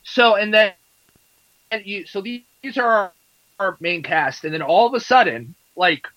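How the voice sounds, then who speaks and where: Guy with a high bright voice, laid-back movie podcast chat, dry slightly muffled mic. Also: animated, unhurried, dry recording. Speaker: podcast co-host. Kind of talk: casual movie review chat.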